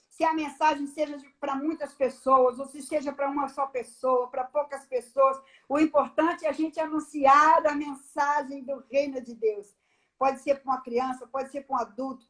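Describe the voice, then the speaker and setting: High-voiced woman giving a testimony. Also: moderate pace. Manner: animated storyteller, acts out the dialogue. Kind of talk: personal testimony on a live stream.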